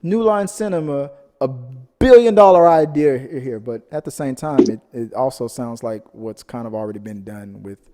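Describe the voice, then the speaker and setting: With a warm, medium-pitched voice at normal speed and few pauses, a man hosts a film discussion podcast as a casual chat. He's rambling and jokey, often searching for words, and the recording has a long, hall-like reverb.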